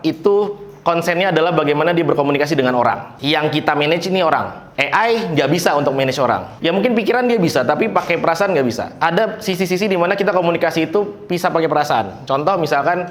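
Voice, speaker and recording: An Indonesian man teaching a university class in a relaxed, conversational way. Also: fairly high pitch, fast. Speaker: university lecturer. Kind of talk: classroom lecture.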